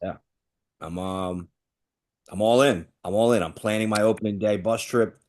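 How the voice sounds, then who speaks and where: A man's voice: fairly low pitch, moderate pace. A man co-hosting a casual sports podcast, talking eagerly and upbeat. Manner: eager and upbeat, rising excitedly. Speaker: podcast co-host.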